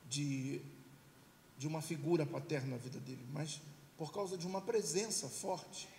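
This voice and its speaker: With a dark-toned, slightly high voice at a moderate pace, a middle-aged pastor delivers a forceful sermon and has the congregation repeat his words back. A faint hiss sits over the echo of the church hall.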